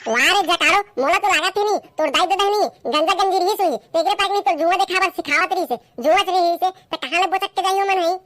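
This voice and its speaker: A woman's voice: very high voice, a bit bright. A woman doing a whiny lazy Chhattisgarhi village lad. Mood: grumbling. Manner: whiny, grumbling, quick to complain. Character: lazy young village man, excuse-making son and husband. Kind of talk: comic village skit.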